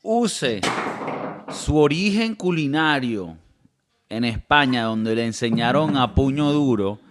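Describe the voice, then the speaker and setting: A man's voice: mid-range voice, lively intonation, slow pace. A man hosting a podcast, teasing his co-host in casual chat. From Latin America. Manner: teasing, acts out mocking voices.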